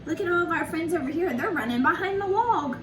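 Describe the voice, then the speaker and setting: A children's storyteller and early childhood educator reads a picture book to young kids in a sing-song way, speaking to them directly with chatty asides. Her voice is very high, animated and quick. The recording is roomy with a distant mic and faint background noise.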